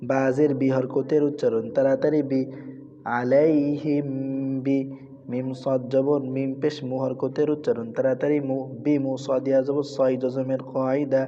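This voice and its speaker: A man teaching Quran reading in a madrasa, spelling out letters and slowly chanting each verse. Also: mid-range voice, level tone, mellow. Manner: slow drawn-out chanting of verses, then quick spelled-out rules. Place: madrasa with children's noise around. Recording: lo-fi with long hall reverb.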